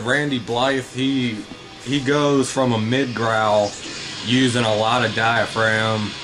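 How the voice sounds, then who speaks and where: A man's voice: medium pitch, low-quality recording. A man giving a casual, informal vocal tutorial as a coach, rambling and blunt with frequent swearing.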